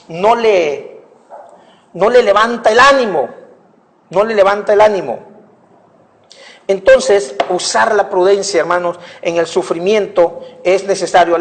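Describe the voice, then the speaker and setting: A man preaching a sermon, emphatic, repeating his phrases and speaking directly to the congregation. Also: high-pitched. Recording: echoey hall.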